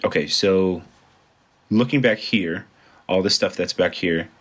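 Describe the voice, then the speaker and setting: Speaking at a measured pace in a low voice, a photographer walks through a photo edit step by step for a casual screen-recorded tutorial. He's congested from allergies and thinks aloud in an informal, chatty manner.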